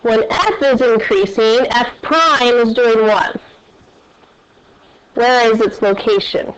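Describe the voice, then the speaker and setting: Slow-paced woman teaching a class. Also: fairly high pitch, a little hiss or hum. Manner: quizzing students with questions. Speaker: math teacher. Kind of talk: classroom lecture. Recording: dull, lo-fi classroom recording.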